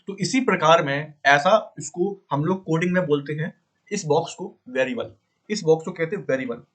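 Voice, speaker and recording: A man teaching a beginner coding lesson in a casual way, repeating points and asking and answering his own questions, often pausing to fix his drawing. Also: on the high side, fairly bright tone. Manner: frequent pauses to fix the drawing.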